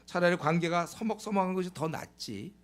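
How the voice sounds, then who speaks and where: A man's voice: high-pitched, expressive, brisk. A male pastor preaching a Sunday sermon with passion, sometimes acting out imagined conversations. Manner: impassioned preaching, acts out dialogue.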